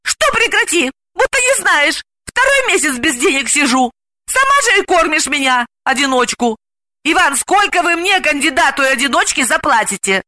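A woman putting on a shrill, squealing young woman. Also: big pitch swings, moderate pace, bright, forceful tone, exaggerated voice. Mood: wheedling. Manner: squealing, exclamatory. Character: brash shrill young woman, greedy and impulsive.

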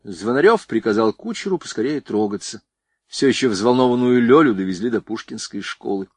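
A man's voice: medium pitch, a little fast, breathy edge, no room sound. A man narrating a novel expressively as an audiobook reader. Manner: expressive, varied voicing. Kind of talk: scripted narration.

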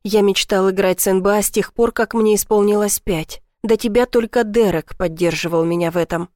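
A woman voicing a quiet troubled young man. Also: medium pitch, fairly even intonation, a little fast, no room sound, studio quality, lightly acted. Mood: earnest.

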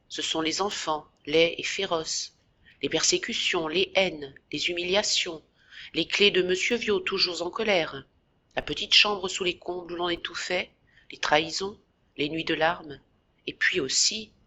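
A woman narrating a classic novel in a measured, expressive audiobook reading. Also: fairly low pitch, muffled recording, a little hiss or hum. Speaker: audiobook reader.

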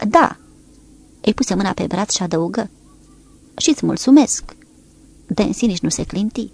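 A woman reading a naval war novel aloud as audiobook narration, in a steady, measured way, lifting her voice slightly for the characters' lines. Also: mid-range voice, vocal fry.

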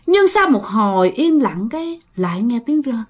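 A woman's voice: fairly high pitch, normal speed. A woman telling a ghost story, speaking straight to her listeners. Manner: animated, addresses listeners directly.

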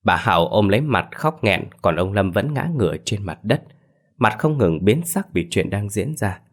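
Low, lively male ghost-story narrator. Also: moderate pace. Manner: expressive storytelling. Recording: faint background music.

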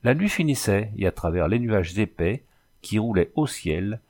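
A man narrates a novel aloud in a steady, even way. His voice sits low, and the reading stays measured from line to line. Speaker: audiobook reader.

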